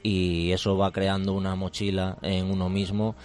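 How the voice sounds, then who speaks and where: A male police commander with a Spain Spanish accent, answering interview questions in a measured, formal way with frequent hesitations. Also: deep voice, little pitch movement, darkish tone. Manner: measured, formal, hesitant with many fillers and restarts.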